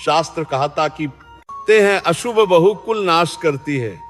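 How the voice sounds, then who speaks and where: A man's voice: on the high side, lively intonation, unhurried, fairly bright tone. A man voicing a harsh, domineering older mother-in-law who scolds and taunts, in a story read aloud. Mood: taunting. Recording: long reverb, faint music behind.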